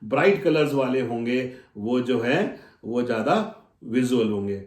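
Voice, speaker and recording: A man teaching a lesson on rapport, lively and acting out customer conversations, calling his listeners friends. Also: mid-range voice, measured pace. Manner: animated, acts out customer dialogues. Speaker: soft skills coach. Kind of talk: motivational lesson. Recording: echoey room.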